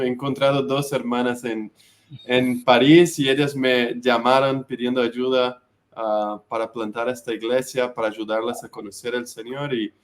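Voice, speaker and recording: A pastor with a Spanish accent from Spain, talking at an ordinary pitch. He speaks gently and hesitantly, stretching out his fillers as he thinks. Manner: hesitant, many drawn-out fillers. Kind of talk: conversational church talk.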